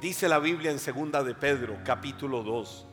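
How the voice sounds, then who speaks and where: A man with a Costa Rican accent, a pastor preaching a slow, emphatic sermon that swells loud and high. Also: big-room sound. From Costa Rica. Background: soft instrumental music.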